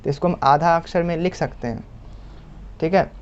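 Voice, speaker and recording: A man teaching a lesson patiently, repeating points and drawing out example sounds slowly. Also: on the high side, steady tone, smooth. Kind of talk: explanatory lesson. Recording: muffled lo-fi recording.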